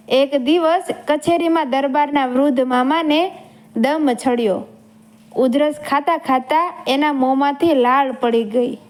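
Woman storyteller, high voice, measured dramatic narration, folk tale. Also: a little mellow.

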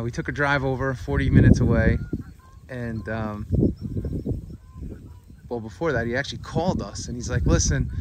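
In a walk-and-talk farm vlog, an American farmer and host meanders through a casual tale with many fillers as he crosses a pasture with cattle. His voice is mid-range, and the handheld phone picks up heavy background noise outdoors.

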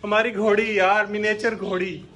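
Man, vlog host, fairly high voice, excitable and playful, chats to the animals. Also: moderate pace, a little hiss or hum. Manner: excited, laughing, talks to the animal. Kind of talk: casual pet vlog chat.

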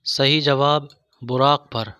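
A man reading religious quiz questions, pausing over each option before he gives the answer. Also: medium pitch, fairly even intonation, sharp tone, faint music behind. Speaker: quiz host. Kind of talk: scripted quiz narration.

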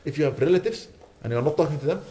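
A man's voice: fairly high pitch, animated, very fast, warm tone. A man delivering a sermon as a sheikh, urging his listeners with repeated rhetorical questions. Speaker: sheikh giving a lecture. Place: lecture hall.

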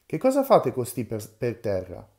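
A man's voice: medium pitch, huge pitch swings. Geppetto, a man reading as a touchy old carpenter. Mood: friendly. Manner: quick to shout when offended.

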